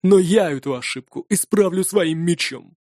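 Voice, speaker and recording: A man voicing a boastful, brash male viking challenger who speaks loudly and with swagger in an audiobook. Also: high-pitched, normal speed, dry recording, clean studio sound. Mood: boastful challenging. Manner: loud, swaggering.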